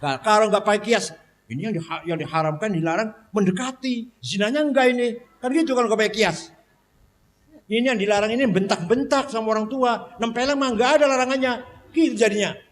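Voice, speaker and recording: A man preaching a sermon at a large mosque, animated, asking the congregation questions and then answering them himself. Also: high voice, a little fast, long reverb tail.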